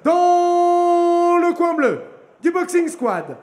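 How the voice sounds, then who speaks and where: Male ring announcer, extremely high projected voice, drawn-out names, formal fight introductions. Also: sing-song, darkish tone.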